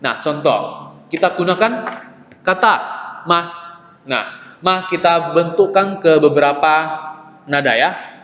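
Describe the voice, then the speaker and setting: A male teacher giving a lesson on Mandarin tones. He talks patiently, repeats syllables slowly and keeps checking in with his students. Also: a little high, a bit bright. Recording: echoey, dull, lo-fi room recording with long reverb.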